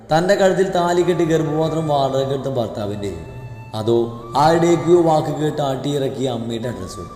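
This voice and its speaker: Male storyteller, measured, even delivery, roomy reverb, soft music behind. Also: medium pitch. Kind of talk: story narration. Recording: echoey reverberant audio with music.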